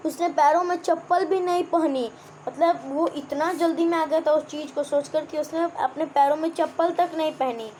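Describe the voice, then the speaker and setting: A woman's voice: sits high, fairly even intonation, moderate pace, mellow, a little hiss or hum. A young woman teacher explaining a children's textbook chapter, repeating words and asking the class questions.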